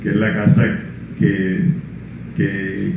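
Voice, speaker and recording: An older author from Colombia, low-voiced and gravelly with a completely flat delivery, reads his prologue at a book presentation and then takes questions. Speaking freely, he falters with restarts and fillers. Background noise accompanies the echoey, tinny lo-fi recording.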